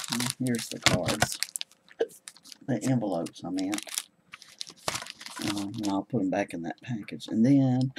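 Man, crafting vlogger; unhurried, rambling show-and-tell, warm mid-low voice. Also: noisy background. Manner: rambling, hesitant, many ums. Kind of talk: casual show-and-tell chat.

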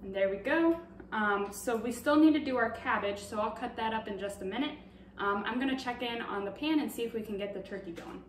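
A woman's voice: on the high side, brisk, slight background noise. A young woman casually demonstrating a recipe in a home kitchen, explaining each step as she goes with plenty of fillers. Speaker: cooking demonstrator. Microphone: far camera on a tripod. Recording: roomy, distant camera audio.

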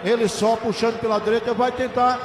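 A man with a Brazilian accent doing colloquial, excitable football narration on radio, full of stock catchphrases. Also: extremely high pitch, a little fast. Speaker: play-by-play football commentator. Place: open stadium press stand. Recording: noisy, echoey live stadium recording. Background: stadium crowd ambience.

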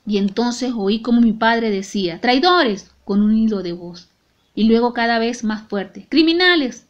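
A woman's voice: medium pitch, a little mellow, dull audio. Latin American Spanish woman reading an audiobook. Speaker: audiobook narrator.

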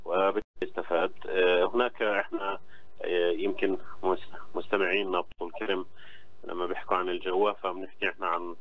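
A middle-aged man with a Palestinian accent, speaking as an interview guest over the phone and explaining things in a halting way with repeated words. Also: low voice, little pitch movement. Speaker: phone-in guest, agriculture official. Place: on the phone to a radio studio. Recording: dull phone line with clear hum.

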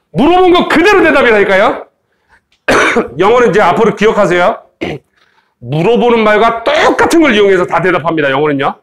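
A man teaching an English grammar lesson in Korean, playful and joking with students, slowly modeling English phrases for them to repeat. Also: high-pitched, fairly bright tone. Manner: playful, joking, teasing students, sound effects. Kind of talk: lively recorded grammar lecture.

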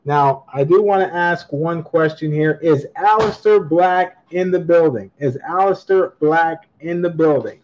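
Slow, mellow livestream coin auction host. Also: male voice, a little high. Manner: upbeat, reads chat comments aloud and laughs often. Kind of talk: casual livestream chat. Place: indoor room at a table with coins, voice off camera. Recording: slightly dull lo-fi webcam audio.

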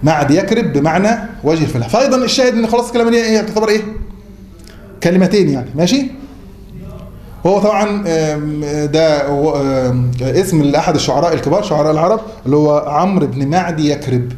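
This classroom lecture features a man with an Egyptian accent whose voice is fairly high and a little mellow, moving at a quick pace. He habitually quizzes the students and answers his own questions. It was captured in a roomy classroom or mosque hall with faint noise.

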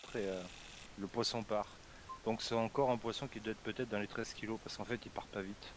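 A man's voice: on the low side, steady tone, a little fast, noisy background. A man chatting and teasing his friends over voice chat while playing a fishing game. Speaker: gamer commentating. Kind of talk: casual group chat over voice call.

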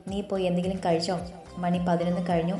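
A woman voicing a tired, grieving middle-aged mother who speaks low and wearily. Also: level tone, quick pace, mellow, reverberant, soft background music, close to an everyday voice. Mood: weary.

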